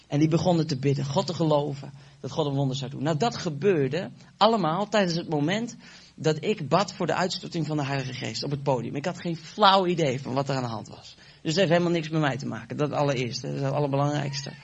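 A man preaching, telling a testimony and acting out the dialogue with animated energy. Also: fairly high pitch, creaky, husky, highs cut off. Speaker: evangelist preacher. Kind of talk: sermon testimony.

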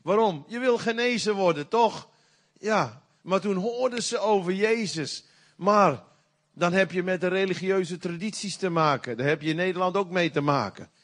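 Animated preacher man. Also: high-pitched, normal speed. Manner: animated, folksy preaching with sudden loud outbursts. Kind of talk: sermon.

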